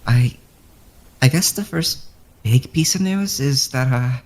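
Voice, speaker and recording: An actor voicing a grieving student in a fan-made game who speaks to friends who have passed on, talking haltingly with stammers and sighs. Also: mid-range voice, animated, darkish tone.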